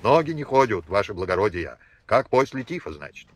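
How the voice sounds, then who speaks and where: A man's voice: lowish voice, very animated, a little fast. A man voicing a frightened young peasant soldier who pleads and mumbles in rustic dialect. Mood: pleading.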